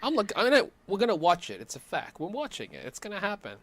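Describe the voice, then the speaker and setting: A man co-hosting a podcast, chatting casually with slangy, animated interjections. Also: high-pitched, fast. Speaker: podcast co-host.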